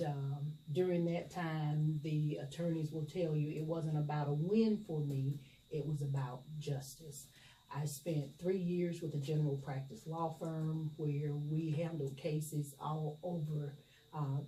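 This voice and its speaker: A middle-aged woman, speaking as a judge in an interview and explaining in a measured, formal way. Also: low-pitched. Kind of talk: interview answers. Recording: echoey room, distant mic, loud noise.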